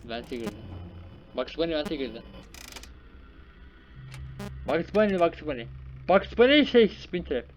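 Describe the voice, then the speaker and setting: A young man hosting a gaming channel, giving excited live commentary on a horror game and scolding its characters. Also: a little high, unhurried, pauses often, soft background music, rough recording. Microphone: desk microphone.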